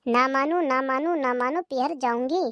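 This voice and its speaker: A voice artist voicing a stubborn, sharp-tongued young daughter-in-law who talks back in rustic speech, for a cartoon. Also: high-pitched, normal speed, smooth, no echo, dull audio. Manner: defiant, rustic dialect.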